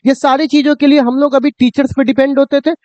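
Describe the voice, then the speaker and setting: Male physics tutor with a very high voice, posing and answering his own questions, dry, dull lo-fi sound. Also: level tone, fast talker, a little mellow, dry recording. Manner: addresses students fondly, asks and answers his own questions. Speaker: physics teacher. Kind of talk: classroom lecture to students.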